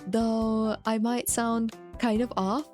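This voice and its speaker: A woman's voice: a little high, little pitch movement, slow pace, a little mellow. Playful woman narrating a vlog over music. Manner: playful, self-mocking. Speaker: VTuber content creator. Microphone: new studio microphone. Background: background music.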